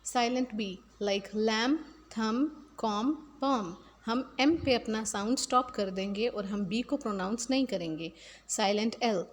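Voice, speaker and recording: A woman English teacher, explaining a lesson slowly and repeating key words. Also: mid-range voice, slight background noise. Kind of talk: recorded classroom lesson.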